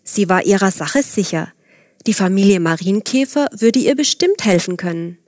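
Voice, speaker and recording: A woman narrating a gentle children's story, speaking calmly and directly to the children and now and then dropping to a soft whisper. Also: medium pitch, moderate pace, no room sound, studio quality.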